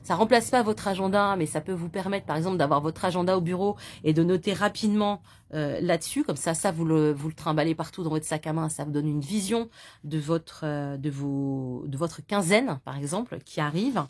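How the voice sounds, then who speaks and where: Woman vlogger, slightly low-pitched, chatty and hesitant with lots of filler, casual product talk. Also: normal speed, darkish tone. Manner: chatty, many fillers, self-mocking. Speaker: vlogger presenting a notebook.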